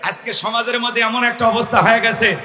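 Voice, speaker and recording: A male Islamic preacher, giving a fiery sermon, often shouting and quizzing his audience. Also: very high voice, fairly even intonation, a little fast, background noise. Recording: echoey hall with long reverb.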